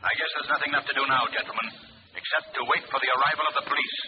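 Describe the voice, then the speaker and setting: A man's voice: mid-range voice, steady tone, very fast, natural voice. An actor playing a mysterious male avenger in an old radio drama, mocking, menacing and theatrically commanding. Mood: cool, commanding. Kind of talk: 1940s radio drama acting. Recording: dull old radio recording, music behind.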